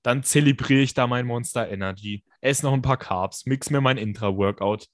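A man with a scratchy smoker's rasp, co-hosting a podcast and giving blunt, colloquial, emphatic coaching advice in a casual chat. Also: medium pitch, normal speed, no echo, clean studio sound. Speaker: podcast co-host and fitness coach.

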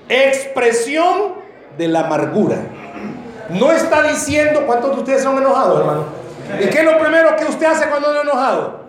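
A man preaching a sermon in a church, animated and joking, acting out comic voices of his congregation. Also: extremely high pitch. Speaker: pastor. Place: church sanctuary. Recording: very echoey church hall.

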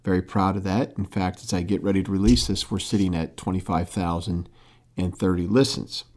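Quiet late-night male podcast host, low hushed voice. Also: fairly even intonation, fairly quick. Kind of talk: podcast intro.

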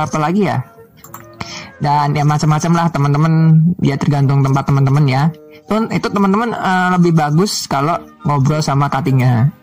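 A man's voice: fairly high pitch, a little mellow. A young man chatting casually to viewers, rambling with many fillers and restarts. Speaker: vlogger.

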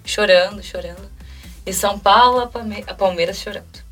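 Telling a personal story as an interview guest, a young woman in her twenties with a Brazilian Portuguese accent speaks fast and with emotion, acting out quoted lines. Her voice is medium-pitched with a fairly bright tone. The mic is distant, and faint music can be heard.

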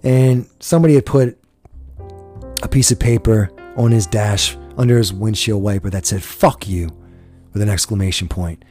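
A man's voice: lowish voice, normal speed, mellow, soft background music. A man from the United States hosting a podcast, delivering an impassioned, profane political rant. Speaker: podcast host.

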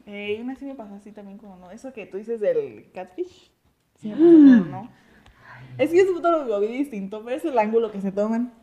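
A woman's voice: fairly high pitch, brisk. A young woman, co-hosting a podcast and joking as she tells her dating story. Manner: lively, joking, quotes herself. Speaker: podcast co-host. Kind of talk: casual chat.

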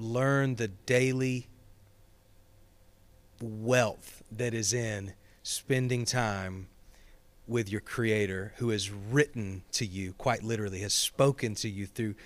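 A man's voice: on the low side, no room sound. A man, a pastor, talking earnestly in an interview, with emphatic repeated phrases that build like preaching.

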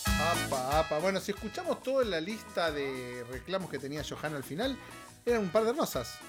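A man with an Argentine accent hosting a podcast, riffing on a song in casual comedic commentary, animated and exasperated, mocking lines in a put-on voice. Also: fairly high pitch, a little fast, over music. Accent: Argentine Spanish. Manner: animated, exasperated, mock-quotes lyrics in a put-on voice. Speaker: podcast host. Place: home recording setup.

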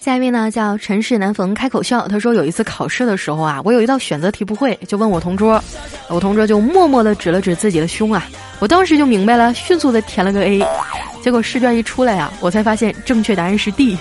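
A woman hosts a radio-style show, reading listener jokes aloud with playful storytelling and drawn-out particles. Her mid-range voice is expressive and a little mellow, backed by soft background music.

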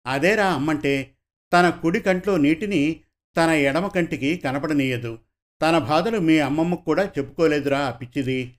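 Male reader plays a gentle older father in an audio story, tender and reminiscing. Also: a little high, moderate pace, close to an everyday voice. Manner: warm, storytelling to his daughter. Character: aging father, gentle, reflective, affectionate.

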